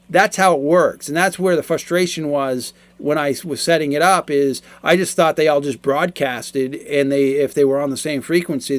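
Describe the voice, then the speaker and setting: In a dry recording with no room sound, a man in his forties with a somewhat high voice reviews a product casually. His explanations come out halting and repetitive.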